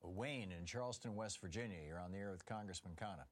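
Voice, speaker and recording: A male radio talk show host with a smooth radio-host delivery, briskly introducing callers on a call-in show. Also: deep voice.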